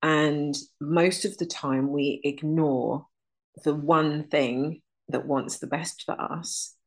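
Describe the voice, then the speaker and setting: Low-pitched and steady, the voice belongs to a woman in her 30s being interviewed about her work as an energy alignment teacher. She reflects earnestly and unhurriedly, often listing things one after another.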